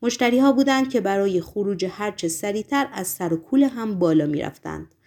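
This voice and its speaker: A woman's voice: mid-range voice, animated, creaky, a little mellow. Woman narrating a story expressively. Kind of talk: audiobook narration.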